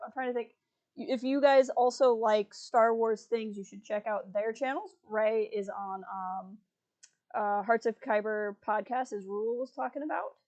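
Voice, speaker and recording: Brief: woman host, slightly high voice, casual and chatty, filler-heavy. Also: highs cut off. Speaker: livestream host. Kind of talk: casual chat.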